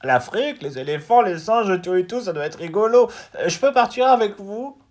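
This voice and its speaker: A man's voice: high voice, animated, moderate pace, pitched above the performer's own voice. A man voicing a chatty, eager young female frog, in a children's storybook reading.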